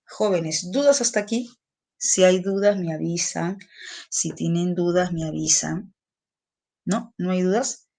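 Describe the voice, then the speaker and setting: A woman teacher, giving an online class, explaining slowly and repeating phrases for her students. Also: fairly low pitch, vocal fry, warm tone.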